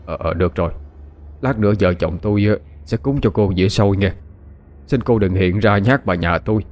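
A man's voice: on the low side, a little fast, darkish tone, lightly acted. A man with a Southern Vietnamese accent voicing a kind middle-aged village husband, speaking humbly and earnestly with hesitant fillers.

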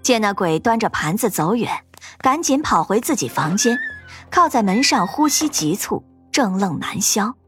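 A woman narrating a fantasy ghost story in an expressive, dramatic storytelling manner. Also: mid-range voice, moderate pace, soft background music.

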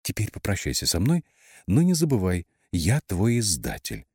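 Guy doing a soft, calm phone girl, wry, soothing like a meditation tape, lively lilt. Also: deep voice, normal speed, breathy edge, no echo, clean studio sound, pitched above the performer's own voice, full character voice.

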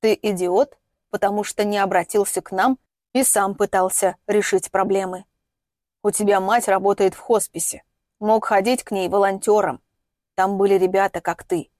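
A woman's voice: medium pitch, fairly even intonation, normal speed, darkish tone, no room sound, studio quality, natural voice. A woman voicing a stern, curt middle-aged father in an audiobook reading. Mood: scolding. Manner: curt, scolding.

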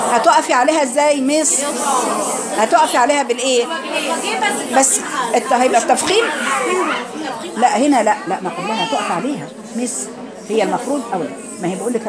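A high-pitched woman with an Egyptian accent leads a recitation lesson in a classroom. She fires questions at her students and sounds out words slowly for them to repeat. A steady murmur of a crowded room runs underneath her voice. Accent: Egyptian Arabic. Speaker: Quran recitation teacher. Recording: crowd noise behind.

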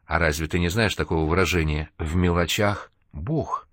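A man's voice: low-pitched, moderate pace, fairly bright tone, no room sound, clean studio sound. Man voicing a caring, encouraging young woman. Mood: lively. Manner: soothing, encouraging. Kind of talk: audiobook character reading.

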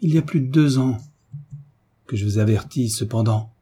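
A man doing a gruff old family doctor. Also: medium pitch, normal speed, dark tone, natural voice. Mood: grave, stern. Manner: brusque, hearty.

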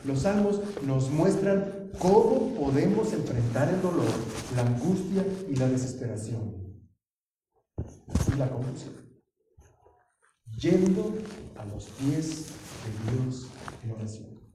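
A man preaching a sermon as a pastor, animated, with sudden loud emphasis. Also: medium pitch, slow, pauses often, far from the mic. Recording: very echoey hall, heard from afar with clear noise.

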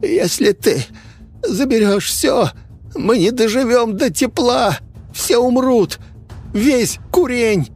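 A man voicing a bitter, stubborn innkeeper who shouts in anger and whose voice cracks high. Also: expressive, measured pace, faint music behind. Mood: desperate. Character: furious desperate male innkeeper, bitter and stubborn. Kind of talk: audiobook character voice.

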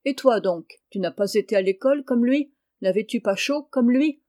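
A woman voicing a stern peasant father who orders his sons about gruffly. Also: fairly high pitch, normal speed, warm tone, dry recording, studio quality, lightly acted.

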